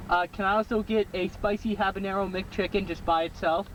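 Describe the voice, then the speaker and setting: A man's voice: high-pitched, fairly even intonation, brisk, fairly bright tone, slight background noise, rough recording. A young man ordering food at a drive-through speaker from his car, hesitant, with many "uh" fillers and restarts.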